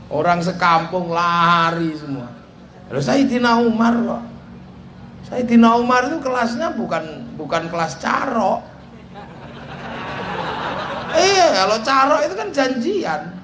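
A man preaching a humorous sermon, telling a story and acting out the dialogue. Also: a little high. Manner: animated, joking, acts out dialogue. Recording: echoey hall with crowd noise.

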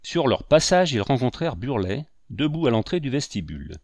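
A man reading a classic adventure novel aloud in measured, even narration. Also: medium pitch, dry recording, studio quality. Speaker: audiobook narrator. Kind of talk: literary audiobook narration.

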